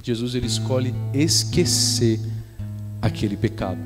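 A man's voice: medium pitch, measured pace, long reverb tail. A man with a Brazilian Portuguese accent preaching a sermon, telling stories and repeating phrases for emphasis. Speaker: pastor. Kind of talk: sermon with storytelling. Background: soft guitar from the worship band.

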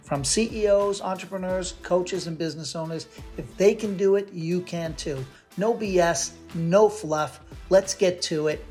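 A man's voice: high voice, measured pace, few pauses, music in the background. A man hosting a business podcast, upbeat and encouraging as he introduces the show and his guest. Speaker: podcast host. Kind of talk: scripted show intro and interview.

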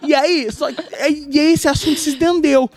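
A man's voice: very high voice, fairly even intonation, moderate pace, a little mellow, no echo. Teasing Brazilian man hosting a podcast. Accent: Brazilian Portuguese. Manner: laughing, teasing storyteller. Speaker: podcast host. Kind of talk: casual chat.

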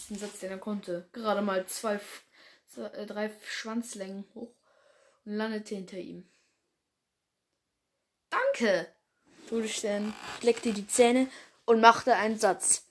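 A woman's voice: mid-range voice, steady tone, measured pace, a little hiss or hum. A woman reading her own animal fan story aloud, often stumbling and correcting herself, with casual slangy asides. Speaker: story reader.

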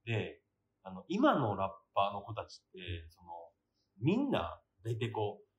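A man speaking with a Kansai accent as a guest MC in a casual podcast chat, animated and easygoing. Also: on the low side, moderate pace. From Osaka, Japan. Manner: animated, talks in Kansai dialect with easy laughs.

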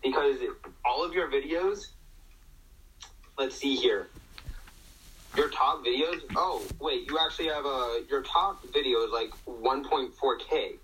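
Slow, bright-voiced young man roasting a friend. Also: mid-range voice, rough recording. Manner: mock roast, teasing and joking. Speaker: co-host. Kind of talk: casual chat over a video call. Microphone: video call.

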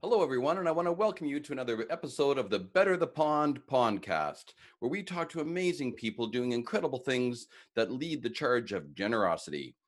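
A man hosts a casual podcast interview with real enthusiasm. His mid-range voice moves a lot in pitch, and he talks with easy filler words. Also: very animated, brisk, hardly any pauses. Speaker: podcast host.

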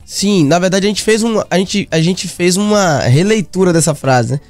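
A songwriter from Bahia with a Bahian accent, talking casually in an interview, halting with many repeats and restarts. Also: male voice, high voice, darkish tone, dry recording, soft background music. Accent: Bahian Portuguese. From Bahia, Brazil. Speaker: songwriter guest.

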